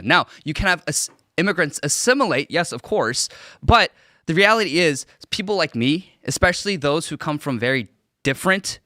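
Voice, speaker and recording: A man's voice: fairly high pitch, bright, forceful tone, no echo, clean studio sound. A young man from Korea, a podcast guest, talking earnestly and emphatically on a political panel, often repeating himself for stress.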